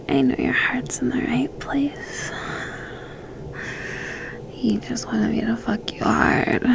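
A woman voices an obsessive, possessive young female lover in an audio roleplay, using a full, high-sitting character voice. She speaks slowly and gravelly, swinging between hushed and loud, in a soothing whisper.

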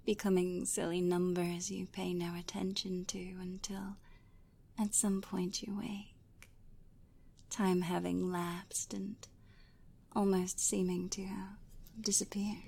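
Slow whispering woman, husky and gravelly. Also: medium pitch, flat delivery, warm tone. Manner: slow soothing whisper, counting breaths. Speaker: hypnotist. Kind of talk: whispered ASMR hypnosis.

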